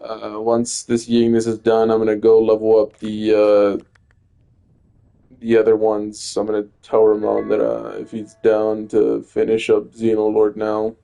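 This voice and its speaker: A young man streams a game in a lowish, dark, smooth voice with vocal fry, delivering everything completely flat and unhurried. He rambles casually through his commentary, stuttering, restarting words and swearing a lot.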